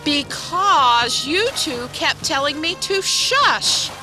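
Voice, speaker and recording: A high, joking first mate. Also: female voice, animated, takes it slowly, music in the background. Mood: cheeky. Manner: wisecracking, exasperated. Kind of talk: children's TV puppet comedy.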